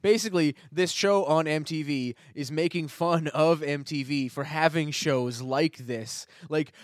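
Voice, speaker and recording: A man hosting a casual podcast, rambling and joking, often trailing off quietly. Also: a little high, measured pace, dry recording, studio quality. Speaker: podcast host. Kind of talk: casual chat.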